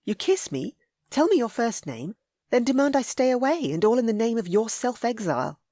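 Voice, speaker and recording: A woman voicing an earnest, lovestruck young noble lady in a romance audiobook, eager and breathy. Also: a little high, very animated, normal speed, mellow, no room sound, studio quality, voice pushed up.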